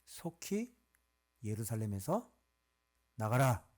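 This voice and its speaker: Male pastor, sermon, very expressive pitch, conversational, loud and hushed turns. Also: takes it slowly.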